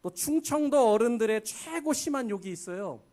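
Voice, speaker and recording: Animated high-voiced male preacher. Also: moderate pace. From Gangwon Province, Korea. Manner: animated preaching, acting out folksy quotes. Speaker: pastor. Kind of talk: sermon. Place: church sanctuary.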